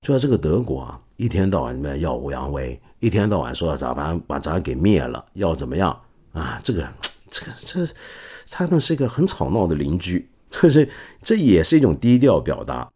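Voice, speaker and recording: A middle-aged man hosting a podcast, telling stories in a casual, animated way and acting out the quotes. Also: extremely low pitch, normal speed, husky. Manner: animated, acts out quotes with laughs. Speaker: podcast host. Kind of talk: casual storytelling talk.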